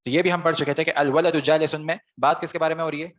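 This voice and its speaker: Male online class teacher, slightly high-pitched, patient step-by-step grammar explanation, keeps quizzing the students. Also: fairly even intonation, fairly bright tone. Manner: explains step by step, asks students questions and answers them himself.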